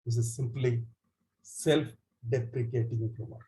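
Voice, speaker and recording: A man with an Indian English accent leads a speech training session, explaining in a lively way with frequent fillers and retelling jokes in small acted voices. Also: medium pitch, unhurried, rough recording. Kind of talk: online education session.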